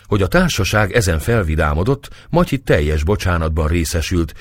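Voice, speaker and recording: Low-voiced male storyteller. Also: no room sound. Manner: storytelling, expressive. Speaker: audiobook narrator. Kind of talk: scripted narration.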